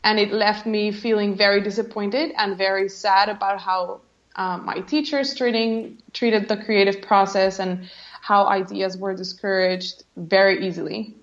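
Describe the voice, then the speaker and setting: Appearing as a guest in a casual interview, a creativity coach from Colombia reflects on her story in a Colombian Spanish accent, often saying "like" and laughing softly. She speaks a little slowly, at medium pitch with fairly even intonation, over dull audio.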